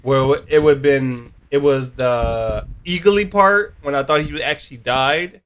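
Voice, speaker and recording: A man's voice: medium pitch, a little slow, a bit bright, clean tone, highs cut off. A man recapping a TV episode in casual chat, rambling and leaning on filler words. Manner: rambling, full of "basically", searches for words. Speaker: co-host of a show review.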